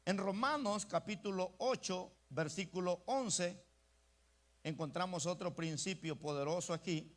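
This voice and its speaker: A man's voice: high-pitched, unhurried, a bit bright. A male pastor preaching an emphatic sermon, often calling out to the congregation as brothers. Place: church.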